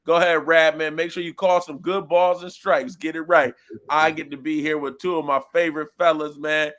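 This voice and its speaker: Man, sports show host, slightly high voice, animated, loud exclamations, studio. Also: normal speed. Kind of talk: casual sports talk. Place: small studio.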